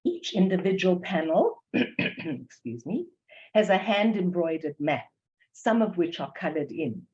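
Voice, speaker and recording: An older woman with a South African English accent and a deep, mellow voice presents an academic lecture. She reads carefully from a prepared text and reads poems aloud, captured on a dull lo-fi recording.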